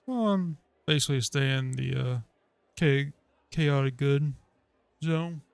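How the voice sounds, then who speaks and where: A man's voice: mid-range voice, slow pace, vocal fry, clear, resonant tone, dry recording. A man streaming a game with casual commentary, hesitantly thinking aloud as he plays, close to the microphone. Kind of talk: casual gameplay commentary, reading dialogue choices aloud.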